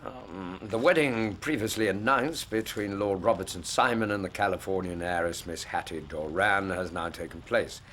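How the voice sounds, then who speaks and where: Doctor Watson, courteous lowish-voiced Englishman. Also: normal speed, hardly any pauses, a bit bright, slight background noise. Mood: helpful. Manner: polite, mild, careful. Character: courteous, gentle male doctor, detective's companion. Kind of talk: period detective drama acting.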